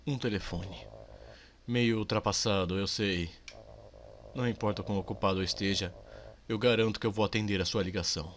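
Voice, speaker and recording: A Brazilian man voicing a remorseful middle-aged father who is a busy businessman, speaking slowly, softly and low. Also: steady tone, slight background noise, close to an everyday voice. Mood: remorseful, gentle. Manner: slow, soft and low, apologetic.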